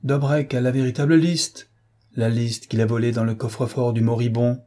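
A man's voice: medium pitch, steady tone, normal speed, dark tone, close to an everyday voice. A man voicing a stern middle-aged male official, clipped and condescending. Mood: cutting.

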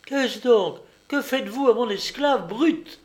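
A man reading aloud and voicing a harsh, scolding old sorceress in a high, sharp voice. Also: sing-song, slow, vocal fry, full character voice.

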